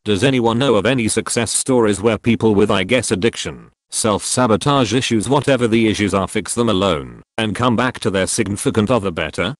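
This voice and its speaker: A man narrating an online post aloud in a steady, even read-aloud delivery, as a channel's voice-over. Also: fairly low pitch, a little fast, hardly any pauses, no room sound, clean studio sound. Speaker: channel narrator reading posts.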